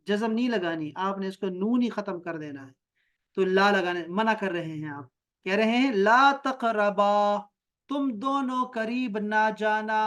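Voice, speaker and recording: A man teaching an online Quran and Arabic grammar class over a video call. He recites short Arabic phrases slowly, then explains them patiently and checks his students' answers with questions. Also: high voice.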